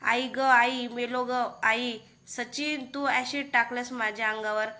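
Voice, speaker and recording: Woman doing a stuttering revenge ghost, loud, bright and sharp, flat menacing tone. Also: fairly high pitch, measured pace. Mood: agonized. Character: vengeful spirit of a burned young woman possessing a young man.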